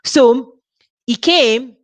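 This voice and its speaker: With a high-pitched voice at an extremely slow pace, a Nigerian-accented woman leads a relaxed teaching talk for her ministry. She is conversational, often restarting and laughing, and the recording is dry.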